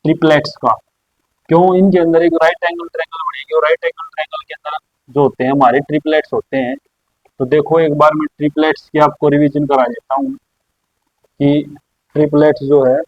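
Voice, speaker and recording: A man teaching a maths lesson at a board, explaining slowly and repeating his own questions for the class. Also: a little high, no room sound. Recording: dry, slightly dull lo-fi sound.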